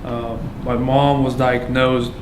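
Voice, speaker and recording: A man from Afghanistan giving a candid account as a patient, halting and full of fillers and restarts. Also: medium pitch, flat delivery. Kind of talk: candid personal testimony. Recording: echoey room with background noise.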